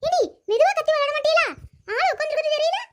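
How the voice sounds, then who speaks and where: A woman voicing a sharp-tongued, stubborn old grandmother in a cartoon, with a Kanyakumari Tamil accent and a scolding, mocking way of talking. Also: very high-pitched, very fast, noisy background, pitched above the performer's own voice. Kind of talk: cartoon voice acting.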